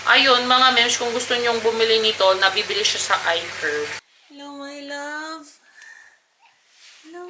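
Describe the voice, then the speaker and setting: A woman's voice: medium pitch, noisy background. A woman from the Philippines vlogging casually to other moms, chatty and familiar as she talks through her routine at home. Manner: chatty, addresses viewers as moms, code-switches. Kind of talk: casual chat to viewers. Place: home in Madrid.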